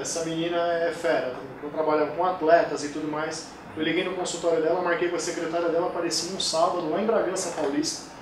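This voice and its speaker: A man in his forties, a kettlebell sport coach, telling stories animatedly in a casual interview, recorded far from the mic in an echoey room with background noise. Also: fairly high pitch. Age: 40s. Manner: animated storytelling, acts out quoted voices.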